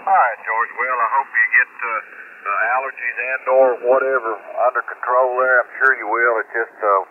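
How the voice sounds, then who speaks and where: A man's voice: mid-range voice, level tone, moderate pace, narrow, tinny audio, slight background noise. A man from Texas hosting a ham radio net, easygoing and chatty. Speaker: net control host. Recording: distant voice over shortwave radio.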